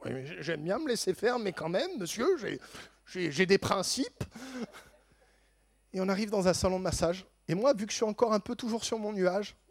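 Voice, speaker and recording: A man telling a lively faith testimony in an animated way, laughing often and stammering into quick repeats. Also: high-pitched, gravelly, no room sound.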